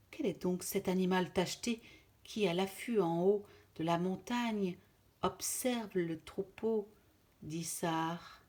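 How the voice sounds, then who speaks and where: Woman reading a children's picture book. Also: medium pitch. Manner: gentle, addresses a child directly. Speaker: storyteller.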